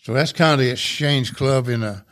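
A club president from Rome, Georgia, USA, talks at length as a guest in a casual interview, his explanations talkative, folksy and rambling. His mid-range voice is fairly bright and moves at a normal speed.

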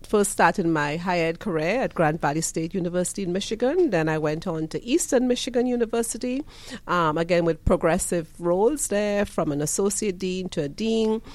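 A woman's voice: lowish voice, brisk, darkish tone. A woman in her fifties with a Trinidadian accent, a college president answering radio interview questions in an earnest, reflective way with frequent ums and restarts. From Trinidad and Tobago.

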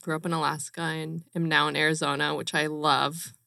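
A woman's voice: sits low, level tone, fairly quick, creaky, sharp tone, dry recording, studio quality. A woman from Romania, a company co-founder, speaking earnestly and emphatically as an interview guest. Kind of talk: casual interview chat.

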